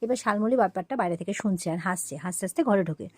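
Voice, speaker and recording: A woman's voice: mid-range voice, racing, no echo. A woman retelling a TV serial episode, quoting each character and briefly acting out their lines. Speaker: serial recap narrator.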